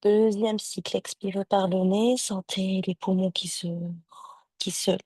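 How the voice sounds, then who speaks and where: A woman yoga teacher giving calm step-by-step cues and breath counts to a class over a video call. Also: mid-range voice, measured pace, no echo. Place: home or studio, streamed on a video call. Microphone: video call microphone.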